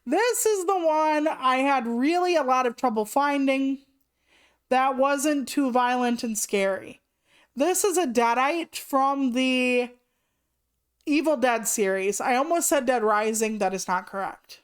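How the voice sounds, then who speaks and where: A woman's voice: sits high, measured pace, clear, resonant tone. A woman in her late thirties chatting casually on a live stream, rambling through asides and swearing freely. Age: 30s. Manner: rambling asides with many "like" fillers.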